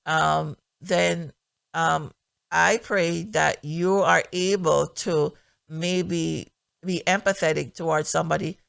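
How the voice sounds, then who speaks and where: A middle-aged woman speaks with a heavily gravelly, fry-laden voice, earnest and reflective, pausing often as she shares her testimony. The sound is close and dry, with no room around it. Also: low-pitched, no room sound. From Jamaica. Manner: earnest, reflective, many filler pauses. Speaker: podcast host and minister. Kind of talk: personal testimony podcast.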